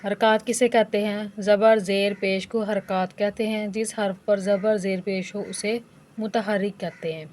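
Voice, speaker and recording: A woman Quran reading teacher with a Pakistani Urdu accent, giving a patient lesson that drills letters and vowel marks syllable by syllable in a measured chant. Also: mid-range voice, little pitch movement, darkish tone, a little hiss or hum. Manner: patient, explains rules briefly then drills each letter in a measured chant. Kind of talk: slow syllable-by-syllable recitation lesson.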